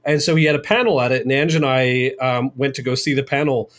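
Podcast co-host, man, loose rambling storyteller, average pitch. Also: fast, fairly bright tone. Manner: rambling storytelling, many fillers. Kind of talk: casual chat.

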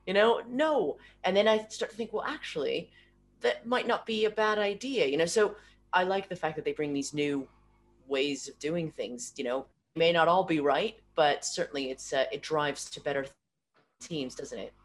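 This low-pitched woman interviews a guest remotely at normal speed, her video call audio breaking up as she goes through a computer or laptop mic. She thinks out loud, restarts sentences and frequently finishes them with tag questions.

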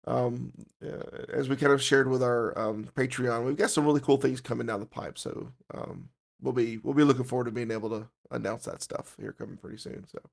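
A man's voice: mid-range voice, gravelly. A laid-back man from Alabama, co-hosting a podcast and laughing at his own jokes. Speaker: podcast co-host. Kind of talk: casual podcast chat.

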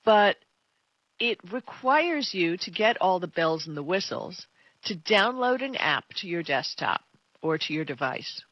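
A woman's voice: on the low side, very animated, unhurried, no echo, dull audio. A woman co-hosting a tech talk show, chatting casually and giving her opinions in an emphatic, conversational way. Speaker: tech radio co-host.

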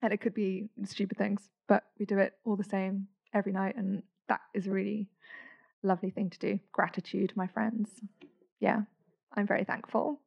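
A woman's voice: mid-range voice, little pitch movement, moderate pace, gravelly. A woman, a podcast guest chatting casually and upbeat, laughing often. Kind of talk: casual conversation. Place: indoor room. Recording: dull lo-fi sound.

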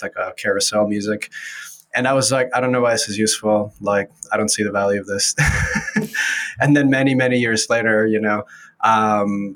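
A low-voiced man from Venezuela, speaking English as a second language in a relaxed interview. He is in his thirties and keeps pausing on fillers and restarting his sentences. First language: Spanish. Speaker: guest, startup founder. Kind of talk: casual interview talk.

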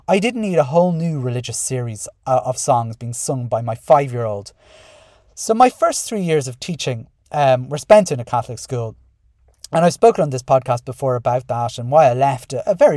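A man's voice: medium pitch, mellow, no room sound, studio quality. A middle-aged man with an Irish accent presenting a podcast monologue in an earnest, wry way. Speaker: podcast host and school principal. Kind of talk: podcast monologue, part scripted, part conversational.

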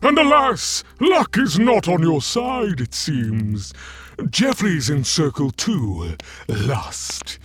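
A man's voice: on the high side, very animated, slow, a bit bright, breathy edge, no room sound, faint music behind, heavily acted. A man playing a chatty, theatrical Satan who hosts hell with gleeful mock courtesy in a comedic audio drama. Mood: airy, condescending. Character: campy, chatty Satan as bureaucratic host of hell.

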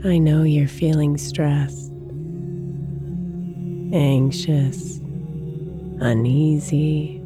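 A woman leading a guided meditation in a soft, soothing, gently drawn-out manner, as its host. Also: low voice, fairly even intonation. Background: new-age music with singing bowls.

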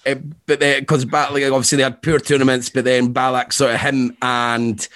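A man's voice: mid-range voice, flat delivery, moderate pace, fairly bright tone, no room sound. A man, co-hosting a casual football chat, rambling and laughing often. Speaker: podcast co-host.

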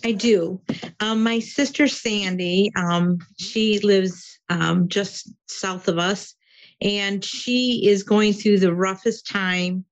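A woman from Michigan, a caller to a show heard over a call line, speaking hesitantly with many pauses and fillers. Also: mid-range voice, steady tone, low-quality recording.

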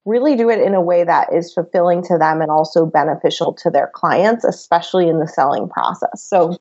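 A woman's voice: on the low side, a little fast, darkish tone, dull audio. A woman in her thirties from Venezuela, a business coach, talking as a guest in a casual, chatty way and often laughing. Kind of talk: casual interview chat.

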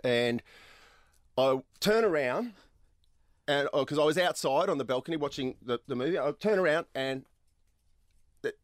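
An Australian man with a notably high voice spins an animated, self-mocking yarn in casual studio chat. The sound is close and dry, with no room around it. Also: moderate pace, long pauses, no echo. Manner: animated, self-deprecating, rambling.

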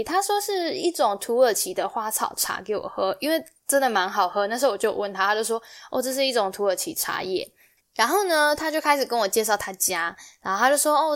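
A woman's voice: on the high side, fairly bright tone. A young woman from Taiwan, hosting a podcast and telling a personal story in a casual way, acting out the quoted exchanges as she goes. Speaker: podcast host.

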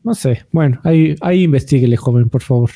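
A man's voice: medium pitch, quick pace, warm tone. A man with a Mexican accent co-hosting a podcast in casual, hesitant, joking chat. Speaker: podcast co-host.

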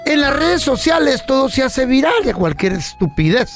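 A man co-hosting a comedy podcast, telling stories in animated, slangy casual chat. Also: very high voice, normal speed, vocal fry, faint music behind. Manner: animated storyteller, slangy Mexican speech. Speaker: podcast co-host.

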